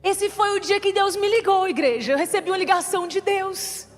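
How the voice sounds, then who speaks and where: A young woman preacher with a very high voice tells an emotional testimony sermon and keeps turning to speak straight to the congregation. Her voice carries a long reverb from a large hall. Soft music plays faintly underneath. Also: brisk. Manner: emotional storytelling, addressing the congregation often.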